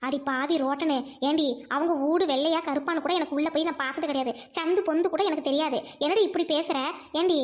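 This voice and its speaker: A woman's voice: sits high, steady tone, quick pace, hardly any pauses, natural voice. A woman playing a commanding village woman in a comedy skit, scolding and protective. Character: commanding village woman, sharp-tongued elder sister.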